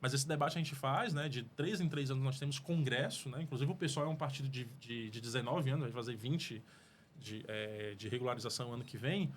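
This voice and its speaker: Brisk and medium-pitched, this man's voice carries a little hiss or hum on the recording. A mayoral pre-candidate from Fortaleza with a Cearense Portuguese accent, he talks earnestly in a podcast studio interview, wandering and restarting as he goes.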